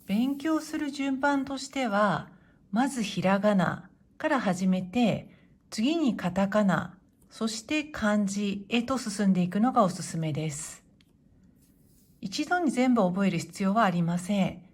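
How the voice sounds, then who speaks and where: A woman teaching Japanese to beginners in a clear, patient way, modeling pronunciation slowly and encouraging learners. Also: medium pitch, lively intonation. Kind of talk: slow, clear explanatory lesson.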